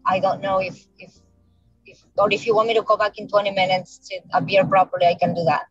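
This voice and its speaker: A woman's voice: mid-range voice, steady tone, slightly rough, dry recording, faint music behind. Apologetic woman on a car speakerphone. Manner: apologetic, hurried. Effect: car speakerphone call. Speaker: attorney calling in to a court hearing. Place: in a car while driving. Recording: muffled phone line from a moving car.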